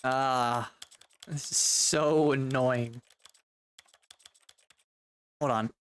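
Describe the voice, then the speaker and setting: Exasperated streamer talking to chat at a computer, smooth clear voice, mid pitch. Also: steady tone, drawn-out words. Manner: chatty, exasperated, swears and talks to chat. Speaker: game streamer. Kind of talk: casual live-stream chat.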